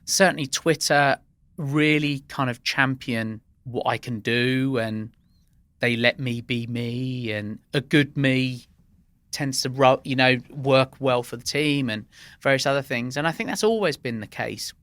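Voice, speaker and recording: Here the Iranian-born, England-raised podcast guest speaks at a medium pitch and measured pace, his tone fairly bright and free of room sound. In this interview he tells earnest stories from work, frequently starting over mid-thought.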